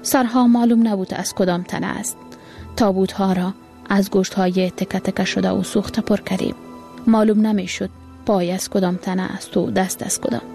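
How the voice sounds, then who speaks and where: A woman's voice: mid-range voice, fairly even intonation, vocal fry, dark tone, soft background music, lightly acted. A woman voicing a tired, grieving carpenter father, speaking tersely and sadly. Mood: sorrowful.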